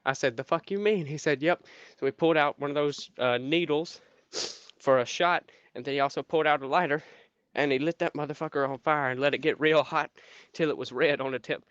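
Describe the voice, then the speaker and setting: A man telling a rambling, profane anecdote in a deadpan way, in a muffled, dry recording. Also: a little high, fairly quick, clear, resonant tone, no echo. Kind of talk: casual spoken anecdote.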